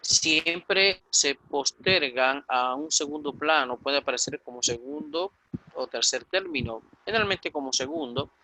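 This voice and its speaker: A man's voice: fairly high pitch, unhurried, sharp tone, slight background noise, poor audio. A man with a Dominican accent teaching a recorded Koine Greek class, explaining things step by step with frequent fillers and self-corrections, and repeating points for emphasis. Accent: Dominican Spanish. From Dominican Republic.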